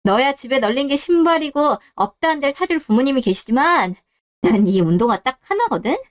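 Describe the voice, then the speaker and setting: A woman's voice: high-pitched, expressive, a little fast. Sneering teenage girl bully, spiteful and bitter, played by a woman. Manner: sneering, taunting.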